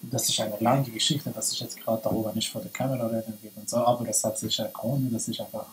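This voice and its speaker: A man's voice: lowish voice, level tone, fast, slight background noise, rough recording. Young man with a Persian accent, hesitant. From Iran. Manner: hesitant, searching for words, many restarts. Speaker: guest. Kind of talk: casual interview. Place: small indoor room at a table. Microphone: camera from a few meters.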